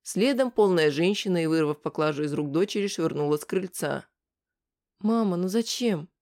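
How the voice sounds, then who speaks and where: Brief: audiobook narrator, scripted storytelling, middle pitch, even delivery. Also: fairly quick.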